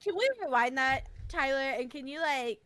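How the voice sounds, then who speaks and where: A woman's voice: high-pitched, moderate pace, a loud crowd. A woman playing a tabletop game, chatting casually in a fussing, caretaking tone. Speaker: player. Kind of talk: casual chat.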